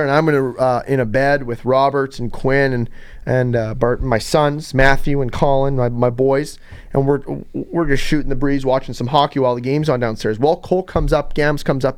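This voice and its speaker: A young man hosting a casual podcast, telling stories in an animated way. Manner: animated storyteller, jumps to high pitch in quotes. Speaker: podcast host.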